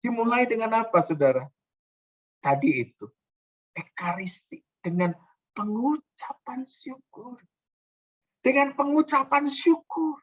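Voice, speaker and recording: A man preaching a sermon as a pastor, emphatic, swinging between loud, high outbursts and hushed, low passages, often calling the listeners "saudara". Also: expressive, takes it slowly, long pauses, dull audio.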